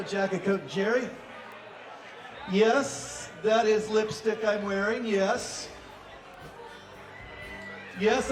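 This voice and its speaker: Fifties guy emceeing a club gig, high voice, jokey rambling, echoey room, taped from the crowd. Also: far from the mic. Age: 50s. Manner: chatty, joking, laughs through his stories. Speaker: event emcee. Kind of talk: casual stage banter and storytelling. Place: small rock club stage, indoors. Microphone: stand mic on stage, taped from the audience. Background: crowd chatter.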